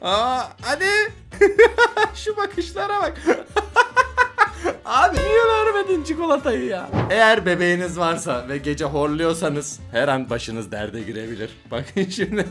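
Animated young Turkish man reacting, laughing. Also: sits high, a little slow, faint music behind. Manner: playful, laughs often, teasing the kids on screen. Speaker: YouTuber reacting to funny kid videos. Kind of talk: casual reaction commentary.

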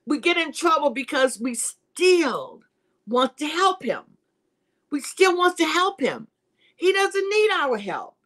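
A woman's voice: sits high, big pitch swings, takes it slowly, fairly bright tone. A woman hosting a live-streamed devotional teaching, preaching in a repetitive, emphatic, conversational way and greeting viewers by name. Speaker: host and Bible teacher.

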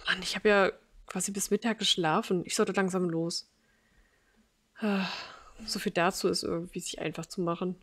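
A woman's voice: fairly low pitch, little pitch movement, moderate pace, fairly bright tone. A woman streamer making casual, offhand commentary while playing a game. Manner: chatty, offhand, muttering.

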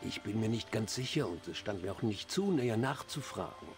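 A man playing an anxious, devout dark-elf priest in a fantasy game, speaking formally and earnestly. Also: on the low side, lively intonation, fairly quick, faint music behind. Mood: formal, reverent. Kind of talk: fantasy game dialogue acting.

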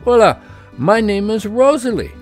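A man voicing a lively young female traveler with a lame leg, exclaiming and teasing. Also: high voice, normal speed, soft background music, voice pushed up. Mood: chatty. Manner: exclaiming, teasing, uses Spanish words.

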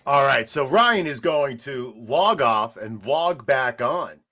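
Bright-voiced man hosting a podcast. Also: mid-range voice, takes it slowly. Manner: relaxed, moderating, calls on panelists. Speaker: podcast host. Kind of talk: casual podcast chat.

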